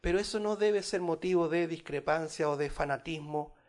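A man preaching a Bible study sermon, addressing his listeners as brothers, growing loud on scripture and dropping quiet on asides. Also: normal speed. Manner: rises in volume on scripture, drops low on asides. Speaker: pastor.

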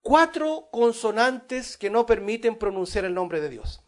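A man preaching a Bible study sermon, addressing his listeners as brothers, growing loud on scripture and dropping quiet on asides. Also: very animated, unhurried. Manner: rises in volume on scripture, drops low on asides. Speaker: pastor.

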